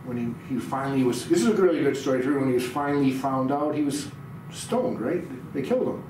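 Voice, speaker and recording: A man's voice: mid-range voice, lively intonation, fairly quick, darkish tone, recorded from a distance. A middle-aged man as pastor delivering a sermon in a small church room, reading scripture aloud and quizzing the audience. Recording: very echoey room, heard from afar, noisy.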